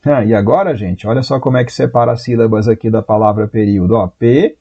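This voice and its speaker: A Brazilian man teaching a live online exam-prep class, lively and chatty, answering viewers by name. His voice is mellow and relaxed. The audio sounds slightly dull. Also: fairly low pitch, quick pace, husky. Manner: voices students' doubts in a raised voice.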